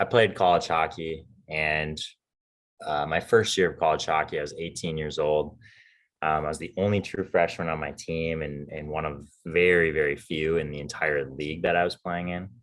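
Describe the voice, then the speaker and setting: A male podcast co-host telling stories in a relaxed, casual way and chuckling along. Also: rumbling low, moderate pace. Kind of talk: casual storytelling chat.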